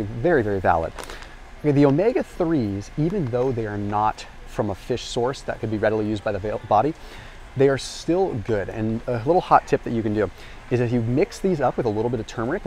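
Fast-talking man explaining in a warehouse store. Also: mid-range voice, a little hiss or hum. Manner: fast, energetic explaining to camera. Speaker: health and nutrition vlogger. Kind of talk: educational grocery walk-through. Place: large indoor warehouse store. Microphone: small lapel mic.

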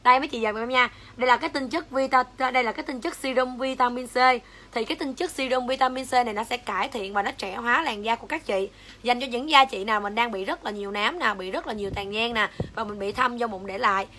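A woman's voice: a little high, quick pace, bright, forceful tone. A young woman with a Southern Vietnamese accent selling skincare on a livestream, switching between coaxing sales patter and foul-mouthed rants at commenters. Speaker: livestream seller.

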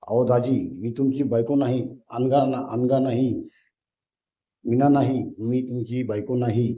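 A man voicing a flustered young married woman who speaks in a pleading, hurried way. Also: mid-range voice, steady tone, mellow, close to an everyday voice. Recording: roomy, dull lo-fi recording.

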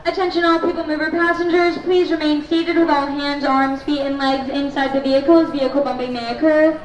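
A woman's recorded voice comes over a ride's public-address loudspeaker, pitched high and delivering formal, evenly paced safety instructions. The sound is echoey and picked up from some distance away. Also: fairly even intonation, a little fast. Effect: public-address loudspeaker announcement. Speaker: ride safety announcer. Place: on a moving outdoor ride track.

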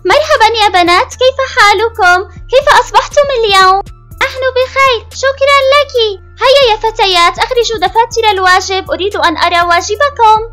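A woman's voice: very high voice, quick pace, bright, forceful tone, faint music behind. A woman voicing a strict schoolteacher doll with a bossy, scolding manner. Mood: cheerful.

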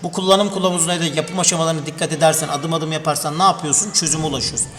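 A man teaches a review lesson at a quick clip, his voice sitting slightly high. He keeps turning to the children with questions he then answers himself. The sound rings with a long room echo over a faint background hiss. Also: fairly even intonation, fairly bright tone. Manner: addresses children directly, asks and answers own questions. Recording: echoey room with long reverb, faint noise.

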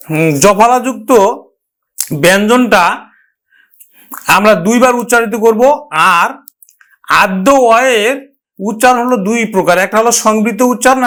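A man's voice: high-pitched, a bit bright. A man with a Bangladeshi Bengali accent teaching an exam-prep grammar lesson, explaining step by step and repeating words to model their pronunciation.

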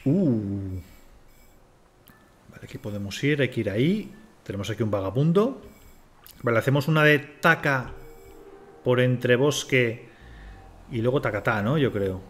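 A man's voice: mid-range voice, animated, unhurried, pauses often. A man from Spain, swearing and talking to himself as he streams a game. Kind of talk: casual live gameplay commentary.

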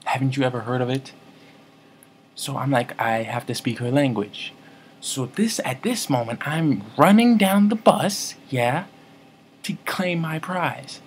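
A man's voice: a little high, animated, a little slow, slight background noise. A man telling a story to camera in a comic vlog, rambling, mock-serious and constantly correcting himself. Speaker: comedy vlogger.

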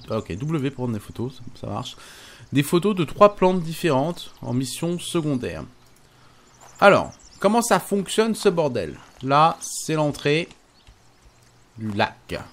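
A man giving casual let's-play commentary, chatty and stumbling, reading game text aloud and swearing lightly. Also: fairly high pitch. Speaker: gaming YouTuber.

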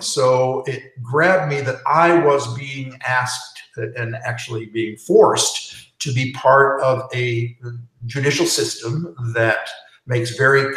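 A man's voice: medium pitch, a bit bright. An older man from California, speaking earnestly with frequent fillers as a roundtable guest on a video call, wearing a headset. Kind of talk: casual discussion. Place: bright living room at home. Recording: roomy echo on call audio.

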